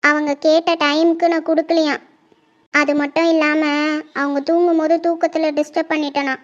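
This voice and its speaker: A woman's voice: high-pitched, level tone, a little fast, lightly acted. An actress playing a troubled young wife who pleads with her family and worries about them. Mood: pleading. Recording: muffled lo-fi sound.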